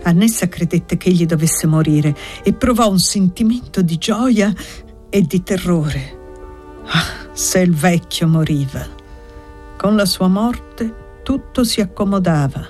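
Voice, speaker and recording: A woman's voice: fairly low pitch, lively intonation, a little mellow, faint music behind. Woman narrating a classic novel. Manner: measured, literary reading. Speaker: audiobook narrator. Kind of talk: scripted narration.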